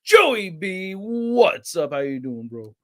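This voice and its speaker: A young man hosting a casual toy channel livestream, rambling and reading chat names aloud with excitable bursts. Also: sits high, takes it slowly. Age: young adult.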